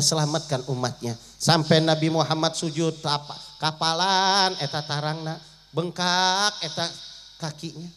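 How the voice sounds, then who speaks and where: A man preaching a storytelling sermon, with dramatic swings in his delivery. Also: slight background noise. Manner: dramatic, with sweeping pitch swings.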